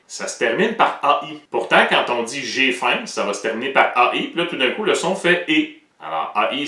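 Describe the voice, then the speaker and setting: A man's voice: medium pitch, bright, forceful tone, reverberant, recorded from a distance. A man with a Québécois French accent, explaining pronunciation in a playful, joking way as the presenter of an educational show.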